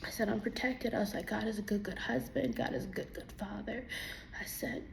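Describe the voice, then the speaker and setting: A young woman, teary from crying, tells a personal faith testimony in a casual, animated way, acting out her own dialogue. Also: medium pitch, a little fast, creaky, a little hiss or hum. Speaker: vlogger giving a testimony.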